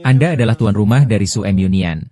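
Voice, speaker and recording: A man narrating a dubbed drama recap, reading every character's lines in one even voice. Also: lowish voice, fast talker.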